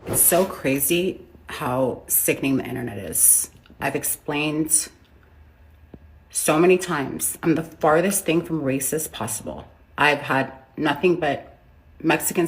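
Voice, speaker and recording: Woman, lower register, defensive apology-video ramble into a phone. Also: unhurried. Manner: defensive, rambling, heavy use of "like". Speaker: business owner making a public apology.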